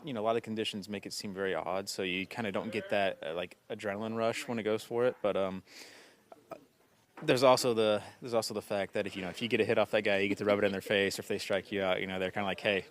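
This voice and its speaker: Fast-talking low-voiced young ballplayer. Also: male voice, steady tone. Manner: easygoing, many fillers like "you know". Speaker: baseball player. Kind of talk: casual clubhouse interview. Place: clubhouse.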